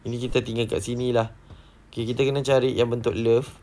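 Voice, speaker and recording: A young man, commentating a horror game and often bursting into shouted exclamations. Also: mid-range voice, fast talker, crowd noise. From Malaysia. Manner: excitable, frequent shouted exclamations. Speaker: gaming YouTuber.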